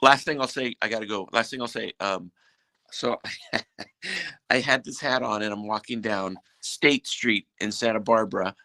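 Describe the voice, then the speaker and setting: A man's voice: on the low side, vocal fry, bright, forceful tone, dry recording, poor audio. A man chatting as a guest on a live stream, telling jokes and rambling stories that keep interrupting themselves. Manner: rambling, self-interrupting storyteller. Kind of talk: casual joking chat.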